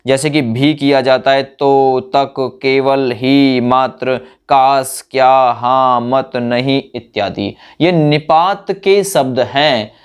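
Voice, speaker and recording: A man with a somewhat high voice teaches grammar in a classroom-lecture style. He repeats each point patiently and checks in with the listener after nearly every sentence. When he lists example words he slows right down and takes them one at a time. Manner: explains patiently, repeats points, asks "है ना" often.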